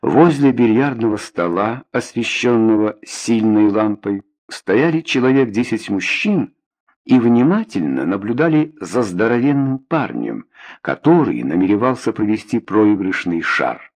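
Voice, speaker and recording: A man reading a novel aloud in a measured, expressive narration. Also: fairly low pitch. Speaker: audiobook reader. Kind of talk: scripted narration.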